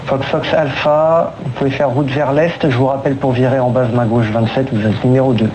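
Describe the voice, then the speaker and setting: A man's voice: steady tone, fairly quick. A man working as an air traffic controller, giving procedural, clipped instructions in air traffic control radio style. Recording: noisy aviation radio, vehicle rumble.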